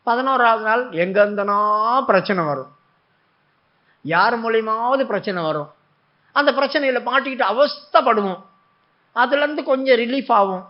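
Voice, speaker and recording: A man preaching a sermon, telling a story with feeling and acting out the prayers and the replies of God. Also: very high voice. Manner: animated storytelling, acting out prayers and God's words. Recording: dull lo-fi recording.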